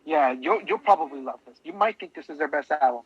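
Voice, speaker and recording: A man's voice: fairly high pitch, expressive, fast. A man co-hosting a podcast, talking casually and eagerly about albums, rambling and restarting his sentences. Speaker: podcast co-host. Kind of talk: casual music discussion. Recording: dull lo-fi podcast audio.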